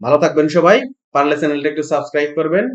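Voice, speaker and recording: A man teaches a lesson in patient, repetitive steps. He often asks "ঠিক আছে?". The room around him has a clear echo. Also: fairly high pitch, fairly even intonation, very fast, highs cut off. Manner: restarts and repeats phrases while explaining. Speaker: Japanese language teacher. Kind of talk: online lesson explaining to students. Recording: echoey room.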